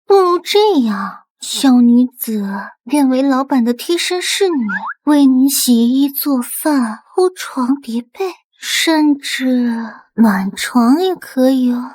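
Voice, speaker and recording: A woman voicing a flirtatious nine-tailed fox spirit in an animated comic, pleading and stammering. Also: sits high, slow, dry recording, heavily acted. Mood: coquettish.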